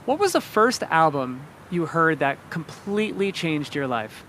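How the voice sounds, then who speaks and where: A man asking quick, upbeat rapid-fire questions as an interviewer. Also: a little high, big pitch swings, fairly bright tone, slight background noise.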